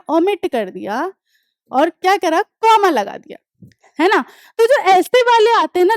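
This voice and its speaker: A young woman teaching an English lesson online, explaining step by step, often checking that students follow, and reading examples slowly. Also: very high-pitched, a little mellow, no echo, clean studio sound. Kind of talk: online class lecture.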